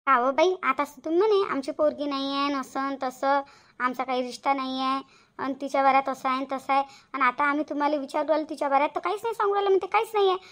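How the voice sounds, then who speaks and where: Rapid-talking squeaky village aunty from a cartoon, always demanding answers. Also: female voice, steady tone, fairly bright tone. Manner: demanding, shrill, rapid-fire questions. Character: loud quarrelsome village auntie, middle-aged woman. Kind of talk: cartoon voice acting.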